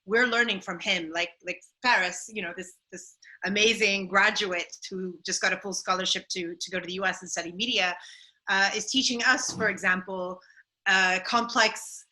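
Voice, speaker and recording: Bright-voiced, animated woman mentor. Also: mid-range voice, normal speed, poor audio. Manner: animated, repeats words as she speaks. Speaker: photographer, mentor. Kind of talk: video call panel talk.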